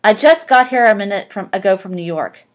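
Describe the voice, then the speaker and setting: A woman voicing a gruff, domineering wealthy young man with a curt, commanding manner in a read-aloud novel. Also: mid-range voice, expressive, fairly quick, close to an everyday voice.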